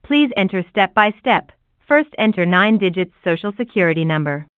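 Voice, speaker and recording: A woman's voice giving recorded phone menu prompts in an even, measured delivery. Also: medium pitch, no echo. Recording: tinny dry phone line.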